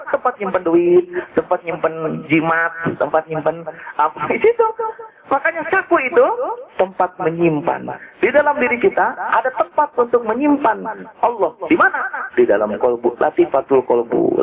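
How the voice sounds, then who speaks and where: A man's voice: sits high, creaky. A man preaching in a casual, storytelling way, joking and asking his listeners rhetorical questions. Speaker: Islamic preacher. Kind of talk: casual religious teaching talk. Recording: tinny lo-fi phone-like recording.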